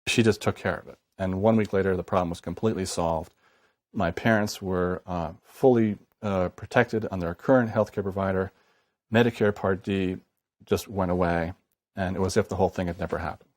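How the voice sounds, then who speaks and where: A man's voice: deep voice, steady tone, moderate pace, no room sound, studio quality. An American man tells a personal story as a testimonial about his own family. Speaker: client's son giving testimonial.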